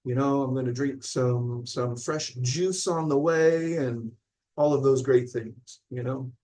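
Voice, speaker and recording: There's slight background noise as a man in his forties from Illinois teaches mindfulness on a live stream, reading viewer comments. His mid-range voice has a darkish tone and a measured pace, and he rambles conversationally, often checking in with listeners.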